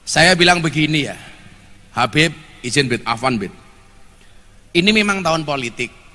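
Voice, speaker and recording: A man preaching a lively, joking sermon to a gathering, scolding and teasing the crowd by turns. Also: a little high, moderate pace, in a large hall.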